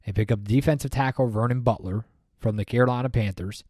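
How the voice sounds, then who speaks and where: A man co-hosting a podcast in casual sports chat, talking in an animated, rambling way with many fillers and restarts. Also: medium pitch, fast talker, no echo, studio quality. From Maryland, USA. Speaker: podcast co-host.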